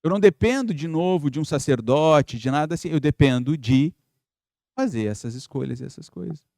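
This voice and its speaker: A man's voice: on the high side, expressive, a little fast, creaky, a little mellow, dry recording, clean studio sound. A man giving an earnest, reflective spiritist lecture, posing rhetorical questions to his audience. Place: spiritist center lecture hall.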